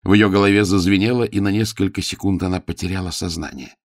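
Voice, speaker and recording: A man reading a story aloud in a dramatic, lively way. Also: sits low, quick pace, no echo, clean studio sound. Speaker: audiobook narrator. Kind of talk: expressive storybook narration.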